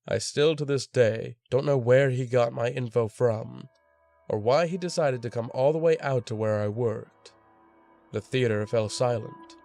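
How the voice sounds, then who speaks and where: A man's voice: mid-range voice, gravelly, darkish tone. A young man narrating a true scary story in a casual, wry storytelling voice.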